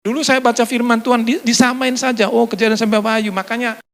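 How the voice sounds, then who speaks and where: Speaking quickly in an extremely high voice with little pitch movement, an Indonesian-accented pastor delivers a sermon at a restaurant hosting Sunday service. He tells a personal story, acting out others' lines, with frequent fillers.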